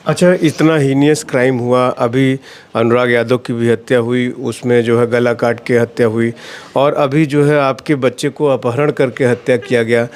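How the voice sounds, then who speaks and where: A man's voice: mid-range voice, flat delivery, moderate pace, darkish tone. A man with a mid-range voice reports from the field as a local news reporter. He speaks steadily and asks pointed questions of the person he is interviewing.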